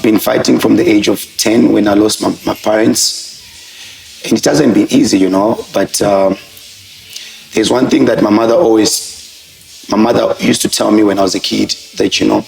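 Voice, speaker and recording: This man, a professional fighter from Zambia, has a voice on the low side with vocal fry. Appearing as an interview guest, he talks earnestly and reflectively about his life, sprinkling in "I would say" and "you know," and the distillery room where he's recorded sounds echoey.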